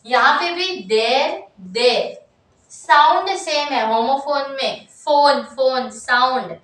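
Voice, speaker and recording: A young woman teaching an exam-focused English grammar lesson in a lively, chatty way, full of asides and repeated checks. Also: sits high, slow. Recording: roomy, mic set at a distance.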